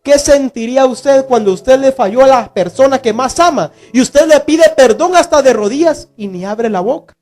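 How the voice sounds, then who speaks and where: A man's voice: lively intonation, moderate pace, few pauses, faint music behind. A male preacher giving a sermon, retelling a story dramatically and acting out the voices of its figures. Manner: dramatic storytelling, acting out voices with big swings in pitch and loudness.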